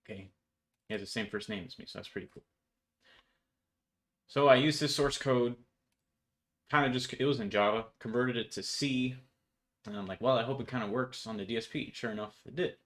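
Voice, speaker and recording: In a room at home, a young man walks through his own code casually, talking in a slangy, offhand way about the project. He speaks at a medium pitch, a little quickly, with a slightly bright tone and long pauses.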